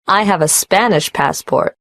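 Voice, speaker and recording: A woman's voice: fairly low pitch, a little slow, gravelly, fairly bright tone, dry recording, clean studio sound. A woman playing a polite, unmarried applicant giving her details in a scripted exam dialogue. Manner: polite, careful answers.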